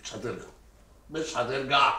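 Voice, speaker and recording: In a TV drama, an actor plays a stubborn, proud middle-aged Egyptian father of four daughters, arguing heatedly and sarcastically with his family in Egyptian Arabic. His mid-range voice is brisk, pushed and bright, and the room echoes.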